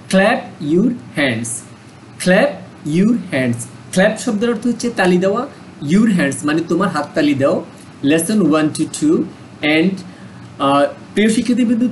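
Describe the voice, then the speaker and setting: A man's voice: high-pitched, a little hiss or hum, low-quality recording. A man with a Bangladeshi accent teaching an English lesson, mixing two languages and repeating words for students to practice. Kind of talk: online lesson explanation.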